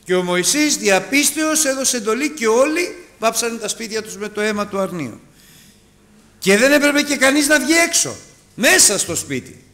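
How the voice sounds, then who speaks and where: A man preaching a sermon to his congregation, calling them brothers and moving between loud urgent appeals and hushed asides. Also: very animated. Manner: dramatic, rises and drops sharply in pitch and loudness; addresses listeners as brothers.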